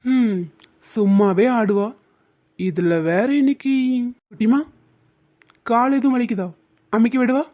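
A doting, teasing cartoon husband. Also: female voice, on the high side, slow, long pauses. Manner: coaxing, playful scolding. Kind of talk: cartoon dubbing. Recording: tinny phone-like sound.

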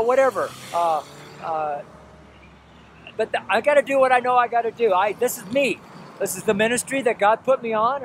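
Faint traffic noise accompanies a street preacher in his sixties whose voice sits high. He talks earnestly into a camera at arm's length beside a road, repeating his points with pleading emphasis.

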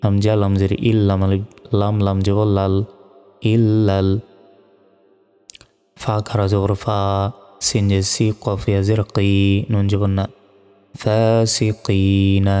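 A man's voice: on the low side, monotone, slow, pauses often, warm tone, clear, resonant tone. A man teaching Quran reading with a Bangladeshi Bengali accent, spelling out each letter and vowel mark syllable by syllable before chanting the words. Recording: reverberant hall sound with faint music.

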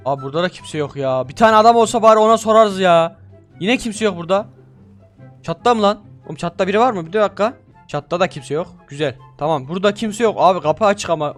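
A man giving excitable, slangy gameplay commentary, talking both to his viewers and to the game characters. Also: high-pitched. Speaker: gaming YouTuber.

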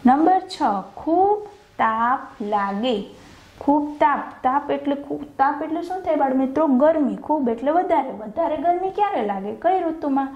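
A woman's voice: sits high, expressive, moderate pace, reverberant, muffled recording. A woman teacher with a Gujarati accent giving a lesson to young children, asking questions and answering them herself, drawing out the answer words in dictation. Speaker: primary school teacher.

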